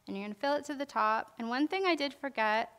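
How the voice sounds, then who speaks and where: A young woman presenting a herbalism class speaks fast in a high-sitting, expressive, fairly bright voice. In a large indoor church hall, from the stage, she reads from notes then demonstrates, with many fillers and restarts.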